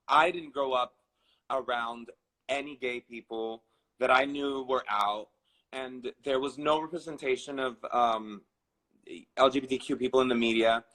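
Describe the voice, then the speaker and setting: A man's voice: medium pitch, a bit bright, low-quality recording. A man in his thirties from Venezuela, telling his personal story with many restarts and fillers. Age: 30s. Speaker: guest.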